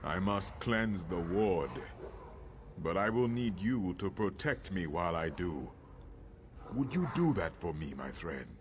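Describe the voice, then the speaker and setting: An actor playing an anguished, devout warrior priest in a video game, with solemn, formal delivery. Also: male voice, low voice, animated, measured pace, slight background noise. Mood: grave, hopeful. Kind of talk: dramatic video game voice acting.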